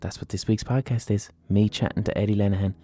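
A man's voice: on the low side, fairly even intonation, quick pace, mellow. An Irish man hosting a podcast, talking casually and earnestly with some swearing. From Ireland. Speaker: podcast host. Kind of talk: casual spoken podcast introduction and interview.

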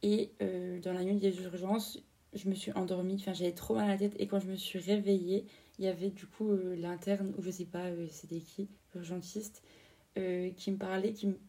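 A woman's voice: mid-range voice, mellow, distant mic. A young woman in her twenties from France, hosting a casual storytelling podcast in a chatty way, full of fillers and slang. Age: 20s. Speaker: podcast host.

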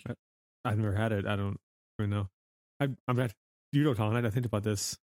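A man's voice: on the low side, steady tone, quick pace, darkish tone, no echo, clean studio sound. A man chatting casually as co-host of a sports podcast.

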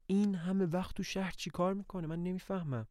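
A man's voice: on the high side, animated, slight background noise. A man reading the lines of an anxious aging woman who owns an estate, in a plaintive, pleading way.

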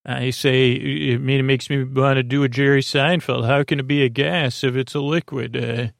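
On a sleep podcast, a male host delivers a rambling, halting bedtime monologue packed with tangents. His voice is gravelly and creaky, medium in pitch with fairly even intonation, and the studio sound is clean with no room sound.

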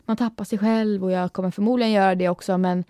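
A young woman co-hosting a casual chat podcast, chatty and animated as she tells stories. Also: medium pitch, no echo, clean studio sound. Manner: chatty, animated storytelling with quoted voices. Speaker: podcast co-host.

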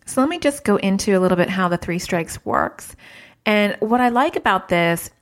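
A woman's voice: medium pitch, animated, moderate pace. Chatty woman hosting a parenting podcast. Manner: chatty, wanders off track, lots of "like" and "super". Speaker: podcast host, child therapist. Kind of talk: casual solo podcast advice.

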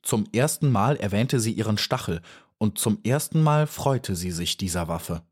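A man reading a children's storybook as audiobook narrator, calm and measured. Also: fairly low pitch, breathy edge.

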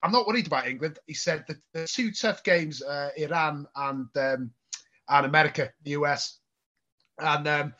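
A man's voice: on the high side, moderate pace, bright, forceful tone. A man chatting casually about football on a podcast, hesitant, with lots of ums. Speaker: podcast guest. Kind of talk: casual chat. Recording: slightly muffled audio.

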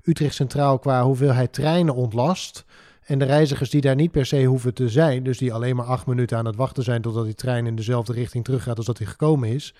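A man's voice: medium pitch, fairly even intonation, quick pace, dark tone, no echo, clean studio sound. A man co-hosting a podcast, chatting casually and playfully, often laughing. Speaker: podcast co-host.

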